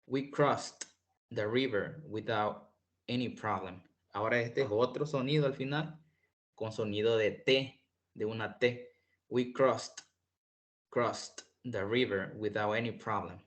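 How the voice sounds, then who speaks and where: Male tutor, unhurried delivery, patient repetition, online lesson. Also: fairly low pitch. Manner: explains slowly, switching between languages, repeating words for pronunciation. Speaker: English teacher.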